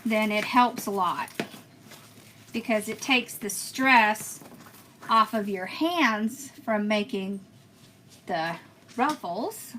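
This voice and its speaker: Crafting on a livestream, a woman chats casually with viewers, responding to their comments and laughing often. She was born in Pennsylvania and grew up in Georgia. Her mid-range voice is expressive and sharp-toned, slow with long pauses, over slight background noise.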